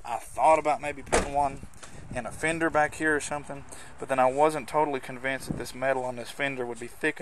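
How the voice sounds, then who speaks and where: A hobbyist presenter gives an informal, hands-on walkthrough in and around a car, rambling a little as he explains things in a conversational way. His voice is medium-pitched and fairly bright, with slight background noise behind it.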